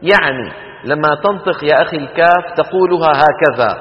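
Man teaching in a hall. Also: a little high. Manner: explains slowly, drills students to repeat sounds. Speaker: Quran recitation teacher. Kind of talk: classroom lecture on tajweed. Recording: dull lecture hall recording.

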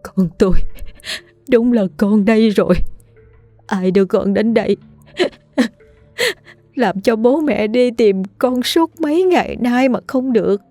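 A woman's voice: a little high, measured pace, pauses often, warm tone, no room sound, soft background music, voice pushed up. Woman voicing a frantic sobbing mother. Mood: anguished. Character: distraught peasant mother finding her maimed daughter.

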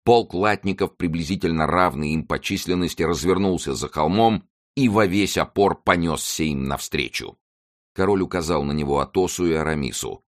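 Deep-voiced man narrating an audiobook. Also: normal speed, no echo, clean studio sound. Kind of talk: scripted narration.

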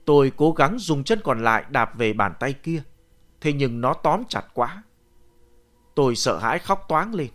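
A man narrating a ghost story in the first person, telling it with animated, expressive delivery. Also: mid-range voice, unhurried. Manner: animated storytelling, shouting the boy's cries.

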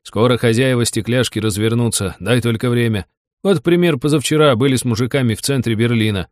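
A man's voice: medium pitch, brisk, a little mellow, no room sound, close to an everyday voice. A man voicing a talkative, hungover male gamer buddy who gripes about money, in an audiobook. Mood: storytelling.

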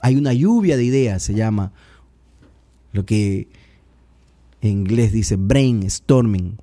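A man's voice: fairly low pitch, animated, takes it slowly, warm tone, no echo. A man from Ecuador, giving political commentary in a sarcastic, pedantic and critical way. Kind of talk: radio-style political commentary.

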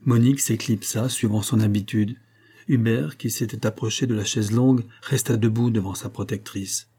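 Male audiobook narrator, measured reading, dark husky tone. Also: lowish voice, steady tone. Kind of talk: scripted narration.

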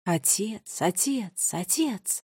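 Woman doing a shrill raging girl, screeching and spitting mad, storybook reading, dry sound. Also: big pitch swings, normal speed, breathy edge, no echo. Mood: desperate. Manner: shrieking, spitting rage. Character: furious vengeful girl, shrill and hissing.

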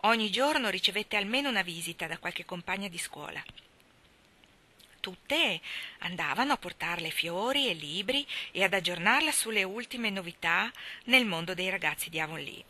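A woman reading a novel aloud as narrator, in an expressive, measured storytelling manner. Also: medium pitch. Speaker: reader. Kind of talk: audiobook narration.

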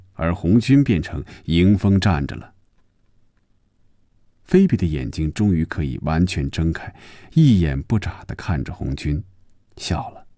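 A narrator with a very deep, dark, mellow voice reads a story aloud at a measured pace, his expressive delivery swinging widely in pitch. The recording is dry and close, like a broadcast storybook reading.

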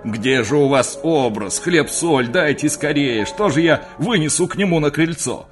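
A man playing a bustling, superstitious older family friend who scolds loudly about omens and disorder. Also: on the high side, lively intonation, measured pace, faint music behind, voice pushed up. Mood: fussy alarm.

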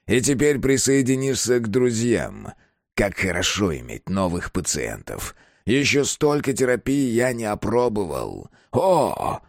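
A raving old warden sermonizing about toil and cures, his voice pitched well above a normal man's and swinging wildly, as a man reads him. He is sanctimonious and shrill, an audiobook villain. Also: no room sound, clean studio sound. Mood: gloating. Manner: preaching, sanctimonious, rising to shrieks. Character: fanatical old male prison warden, shrieking zealot. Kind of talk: audiobook reading.

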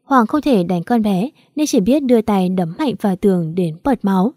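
A woman narrates a family drama in the first person. Her reading is mournful and emotional. The voice is dark and mellow, recorded close and dry. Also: medium pitch, expressive, normal speed, no room sound. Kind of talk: dramatic audio story narration.

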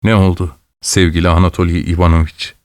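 A man's voice: on the low side, moderate pace, smooth, dry recording, lightly acted. A man voicing an army captain in an audiobook, speaking in a heartfelt, affectionate way. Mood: tender. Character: usually cold army captain, suddenly tender.

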